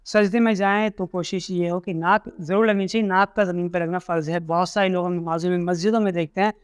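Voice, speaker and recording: Male religious teacher, clear resonant high voice, dry close recording, patient instructional delivery. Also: fairly even intonation, no room sound. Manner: demonstrates recitations slowly and deliberately; explanatory, repeats points, many restarts. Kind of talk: instructional video lesson.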